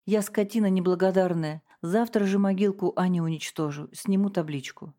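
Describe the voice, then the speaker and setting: A woman's voice: lowish voice, normal speed, mellow, lightly acted. A woman reading the part of a guilt-ridden, tearful middle-aged wife who speaks meekly. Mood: subdued. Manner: meek, pleading, broken. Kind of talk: audiobook character reading.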